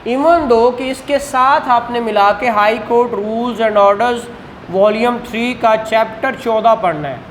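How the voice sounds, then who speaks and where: A Pakistani man delivers a law lecture in a very high-pitched, slow voice with a fairly bright tone, posing questions and answering them himself while weaving in English legal terms. He's in a room with a whiteboard, and the recording carries a roomy echo and faint background noise.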